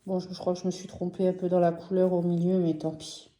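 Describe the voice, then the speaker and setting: A French woman chatting casually and enthusiastically about her embroidery projects in a vlog, slow and gentle with many fillers. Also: on the low side, completely flat delivery, echoey room. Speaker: embroidery vlogger. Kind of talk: casual show-and-tell vlog.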